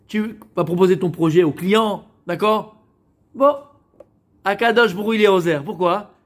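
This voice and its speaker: Man, high voice, rabbi giving a class, asks questions and answers them himself. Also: moderate pace. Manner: repeats words while searching for them. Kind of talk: Torah lesson to women.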